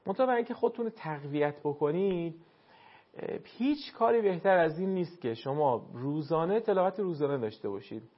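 A man's voice: fairly high pitch, expressive. Courteous male recitation teacher, lo-fi. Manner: formal, courteous and instructive. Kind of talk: on-air recitation feedback.

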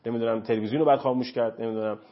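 A man's voice: mid-range voice, fairly even intonation. A man speaking as a counselor on a talk show, earnest and emphatic, lecturing. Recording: dull lo-fi recording.

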